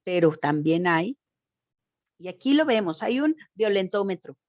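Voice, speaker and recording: A woman's voice: medium pitch, sing-song, unhurried, dry recording, lo-fi sound. A woman giving an informal school talk on gender violence, speaking expressively and addressing the audience directly. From Mexico.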